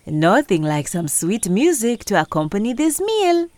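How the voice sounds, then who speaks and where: A woman voicing a young princess who speaks softly and low, chanting slowly. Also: sing-song, slight background noise. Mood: hushed. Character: young princess with a magic flute.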